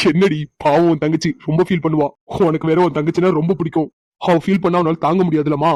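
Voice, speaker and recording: A voice actor plays a playful young husband in a cartoon, teasing his wife and chuckling as he does it. His medium-pitched, fairly darkish voice is steady and a bit quick, close to an everyday speaking voice. The recording is dry and muffled.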